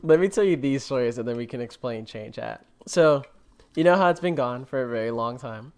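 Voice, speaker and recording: A man co-hosting a laid-back podcast, talking in loose, filler-heavy rambles. He jokes around as he goes, at an ordinary middle pitch. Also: expressive, a little fast, darkish tone, clean tone. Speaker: podcast co-host. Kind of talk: casual chat.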